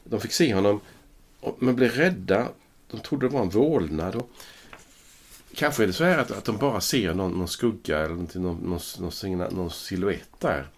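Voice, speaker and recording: A man, a priest hosting a podcast, reads scripture slowly and with measure, then muses thoughtfully in a casual Bible discussion. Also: on the low side. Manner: slow, measured reading, then thoughtful musing.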